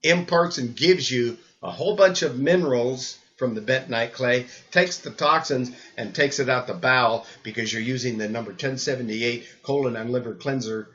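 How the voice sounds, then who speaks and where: An older man talks at a middling pitch, rambling and restarting with repeated words. His voice comes through the muffled, lo-fi sound of an old camcorder recording. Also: normal speed, few pauses, fairly bright tone. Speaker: health supplement presenter. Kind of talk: rambling spoken talk.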